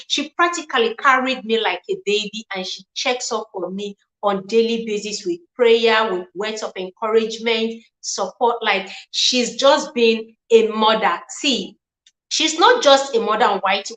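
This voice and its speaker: A woman's voice: a little high, a bit bright, echoey room, low-quality recording. A woman with a Nigerian accent hosting a casual livestream chat, emotional and chatty, thanking viewers by name. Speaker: livestream host.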